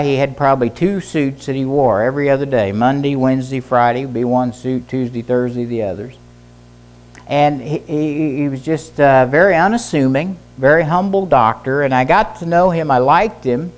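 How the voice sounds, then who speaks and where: A man's voice: a little high, darkish tone. A middle-aged man, a pastor and former doctor, preaching a sermon in a church service, telling stories earnestly and repeating key phrases for emphasis. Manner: earnest storytelling with emphatic repetition. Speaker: pastor and teacher, former physician.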